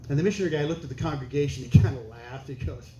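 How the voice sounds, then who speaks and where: An older man does stand-up, telling a story in a deadpan, conversational, punchy way before a laughing audience. His voice is on the high side and racing, with highs cut off, recorded in an echoey club room with faint hiss.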